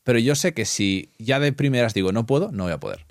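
A man hosting a podcast, talking in a relaxed, casual, slangy way. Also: medium pitch, quick pace, dry recording, studio quality. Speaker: podcast host.

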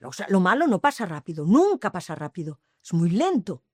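A woman in her 80s tells her life story in an interview, emotional and emphatic, repeating phrases and swearing to the listeners. Her voice sits on the low side, brisk, husky and darkish with big pitch swings, in dry, studio-quality sound.

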